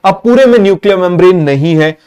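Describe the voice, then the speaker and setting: A man teaching a biology exam-prep lesson with a Hindi accent, talking fast and constantly quizzing students with repeated questions. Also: high voice, animated, darkish tone, clear, resonant tone.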